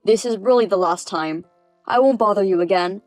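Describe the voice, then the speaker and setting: Begging adult son, pleading and apologetic, even mid pitch, dry, a woman reading. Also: moderate pace, no echo, soft background music, close to an everyday voice. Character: indebted adult son begging his mother. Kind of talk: text-message story reading.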